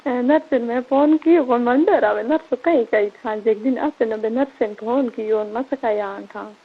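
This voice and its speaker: A woman with a Marwari Rajasthani accent chats casually and intimately over the phone, her voice fairly high, husky and at a moderate pace. The recording comes through a phone line, sounding tinny and narrow-band.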